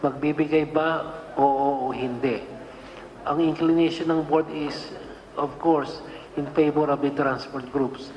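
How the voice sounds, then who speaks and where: A man's voice: a little high, steady tone, measured pace, darkish tone. A middle-aged man, a transport board official, speaking formally and politely at a hearing, mixing English into his answers. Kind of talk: press hearing remarks. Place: hearing room, indoors. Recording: dull sound with reverb, faint noise.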